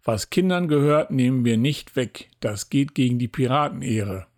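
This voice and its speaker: A man's voice: mid-range voice, animated, normal speed, a little mellow, natural voice. A man voicing a boisterous, good-hearted male pirate captain who barks exclamations and commands in a storybook reading. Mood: stern.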